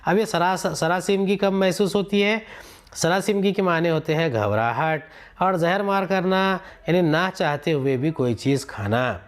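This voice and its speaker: A man teaching an Urdu lesson. He reads a textbook passage aloud, then explains it line by line and asks the class questions as he goes. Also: sits high.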